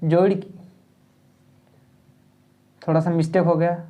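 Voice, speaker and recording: A woman with a Jharkhand Hindi accent gives an exam-prep grammar lesson. Her voice sits a little low and sounds mellow and relaxed. She explains step by step and keeps checking that her students follow. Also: fast talker. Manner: explanatory, repeats "ठीक है" often, reads Nagpuri lines aloud. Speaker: teacher.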